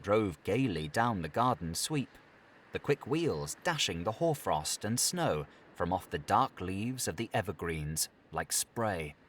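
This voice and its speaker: Male narrator, low voice, animated pitch, slow unhurried pace, theatrical storytelling. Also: a little hiss or hum. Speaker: audiobook narrator. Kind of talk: scripted narration.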